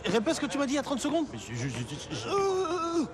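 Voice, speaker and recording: An actor playing a petty, cowardly thug who bullies and then whines when cornered. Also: male voice, very high voice, wildly swooping pitch, fast talker, a crowd in the background, heavily acted. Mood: whiny.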